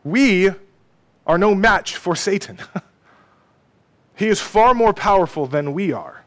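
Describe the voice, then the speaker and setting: A man's voice: sits high, lively intonation, takes it slowly, fairly bright tone. A man preaching a sermon emphatically, asking rhetorical questions and checking in with "okay?".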